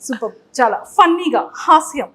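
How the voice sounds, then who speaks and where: A woman interviewing a guest, enthusiastic and quick to praise him. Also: high-pitched, animated, a bit bright. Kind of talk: casual interview talk.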